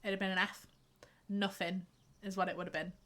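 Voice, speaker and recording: Her mid-range voice is flat yet brisk, bright, and forceful as she gives casual commentary while streaming a game. She's a young woman with a light Yorkshire accent who chats and sighs playfully.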